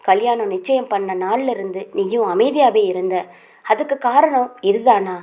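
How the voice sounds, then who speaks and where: A woman's voice: a little high, normal speed, mellow, natural voice. A stern middle-aged father from a storybook, bitter and scolding as he cuts his daughter off, read out by a woman narrator. His words come down hard and heavy.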